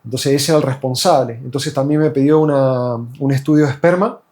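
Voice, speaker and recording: A man's voice: mid-range voice, fairly quick, darkish tone. A man from Argentina with an Argentine accent, telling his story as a patient in a hesitant, casual way full of fillers and restarts. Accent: Argentine Spanish. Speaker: patient giving a testimonial. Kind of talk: casual spoken testimony.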